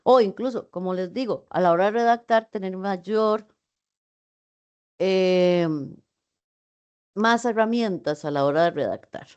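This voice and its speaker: A woman's voice: medium pitch, measured pace, long pauses, darkish tone, clear, resonant tone, muffled recording. A woman in an online class meeting, explaining writing to her students in a patient, explanatory way with frequent fillers and self-corrections. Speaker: university teacher.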